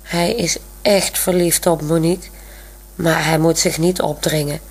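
Slow, husky woman reading a story. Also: sits low, fairly even intonation.

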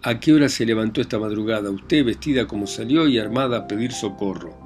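A man's voice: fairly low pitch, quick pace, faint music behind, lightly acted. A man reading aloud plays a stern, bullying village magistrate who interrogates and barks orders. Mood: furious. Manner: interrogating, commanding, shouting.

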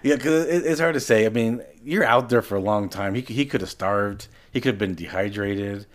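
A man's voice: fairly low pitch, moderate pace. A man co-hosting a podcast in casual chat, talking animatedly and often repeating words as he restarts. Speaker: podcast co-host.

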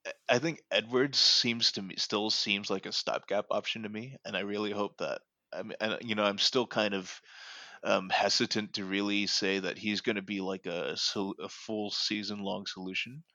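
A man's voice: fairly low pitch, steady tone, normal speed, sharp tone, dry recording, dull audio. A man co-hosting a casual sports podcast, talking in a rambling way with lots of fillers and restarts. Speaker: podcast co-host. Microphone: home podcast microphone.

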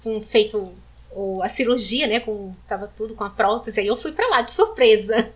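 A woman from Maranhão, Brazil, telling a personal story as an interview guest, animated and acting out the voices of others. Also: fairly high pitch, normal speed.

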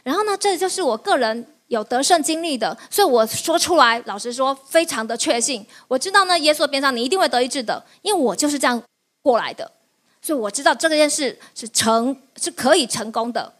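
High-voiced woman pastor. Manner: lively, asks the audience quick questions and answers them; laughs often while teaching. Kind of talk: sermon.

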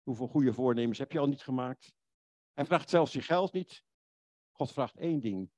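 A man delivers an earnest, pleading sermon. His voice is dark and mellow, and it sounds dry and close. He slows down and turns quiet whenever he quotes God. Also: mid-range voice, dry recording. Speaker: preacher.

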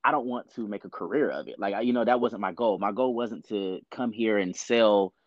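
A man's voice: on the low side, brisk, a little mellow, dry recording, muffled recording. A man from the US South, a podcast guest talking candidly in a chatty, filler-heavy way. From Georgia, US South. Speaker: podcast guest, actor and producer. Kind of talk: casual interview talk.

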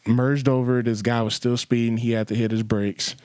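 A man's voice: mid-range voice, level tone, moderate pace, a little mellow, clear, resonant tone, no echo. A young man chatting casually, telling a story with lots of fillers and acted-out quotes. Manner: rambling, many fillers, acts out quotes. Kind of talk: casual chat.

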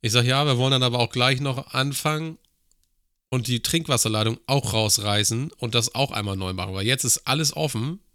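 A man's voice: mid-range voice, a little fast, fairly bright tone, no room sound, studio quality. A man telling a long work story in casual podcast chat, with crude slang and acted-out dialogue. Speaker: podcast co-host.

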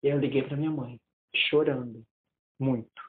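A man in his twenties telling a personal story in casual conversation, animated and often restarting his sentences. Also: medium pitch, moderate pace. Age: 20s. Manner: animated, acts out quoted dialogue, many restarts. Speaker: interviewee. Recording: tinny phone-like audio.

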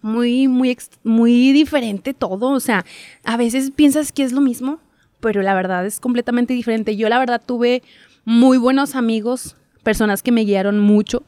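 A young woman, telling her story as a guest in a casual interview, chatty and quick to laugh. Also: on the high side, warm tone, no room sound. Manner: chatty storyteller, laughs often, acts out quotes. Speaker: guest, TV reporter.

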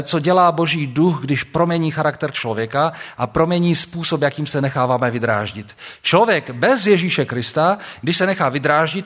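A man's voice: on the high side, fairly bright tone. A man giving a sermon to young people at a camp, speaking conversationally and putting questions to his listeners. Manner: conversational, asks the audience questions. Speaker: preacher. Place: camp talk before an audience.

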